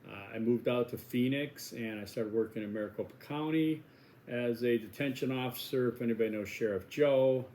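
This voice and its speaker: Speaking briskly in a darkish, mid-range voice, with a little hiss or hum audible, this Wisconsin-accented man from Milwaukee is in his sixties. He's a college instructor rambling chattily in a course welcome video and joking about himself.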